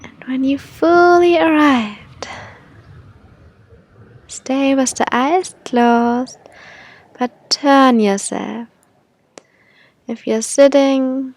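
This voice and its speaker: A woman leading a guided meditation in an airy, breathy, soothing manner, like a spiritual healer. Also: high voice, darkish tone.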